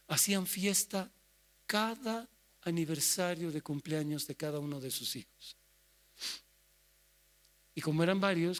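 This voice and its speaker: A man preaching a sermon as pastor, moving from quiet asides to loud cries as he acts out the people he quotes. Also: a little high. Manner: swings from soft asides to loud shouted quotes.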